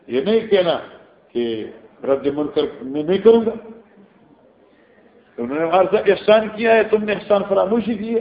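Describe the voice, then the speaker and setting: Pakistani man giving a roomy lecture. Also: fairly high pitch. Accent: Pakistani Urdu. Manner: explains Arabic text line by line in Urdu, with storytelling asides. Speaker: hadith teacher. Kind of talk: classroom lecture on scripture. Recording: roomy, dull lo-fi recording.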